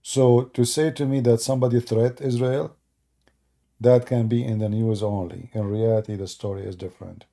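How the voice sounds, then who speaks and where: On a casual live stream, a Middle Eastern man, a native Arabic speaker, answers his viewers in broken English. His mid-range voice is creaky and mellow, with fairly even intonation at a moderate pace, and he is sarcastic and joking, ridiculing the chat.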